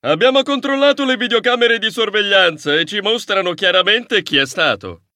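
A man's voice: high-pitched, moderate pace, bright, forceful tone, dry recording, clean studio sound, voice pushed up. A man voicing a stern male mouse technician in an audiobook, firm and declaring. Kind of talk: audiobook character voice.

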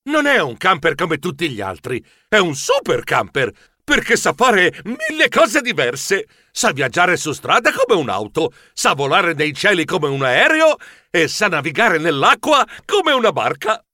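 A man narrating a children's story in a lively, exclamatory way. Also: a little high, a little slow, dry recording, clean studio sound. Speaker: audiobook narrator.

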